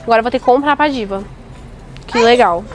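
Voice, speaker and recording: A woman filming a casual vlog on her phone in a supermarket aisle, talking excitedly with playful mock alarm. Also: on the high side, quick pace. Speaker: mother filming a family outing. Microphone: handheld phone camera. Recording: noisy store ambience.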